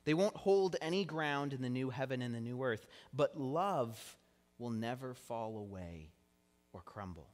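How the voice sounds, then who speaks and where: A man's voice: mid-range voice, lively intonation, a little slow. A young man preaching a sermon, explaining scripture in an earnest teaching tone with touches of self-deprecating humor. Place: church sanctuary. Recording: long hall reverb.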